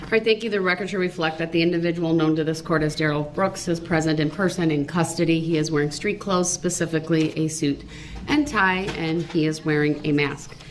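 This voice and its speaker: A woman's voice: low-pitched, fairly even intonation. Firm woman judge in a courtroom recording. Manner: firm, measured, procedural. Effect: courtroom recording played back. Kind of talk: formal courtroom instructions and rulings. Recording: echoey, distant, noisy courtroom recording.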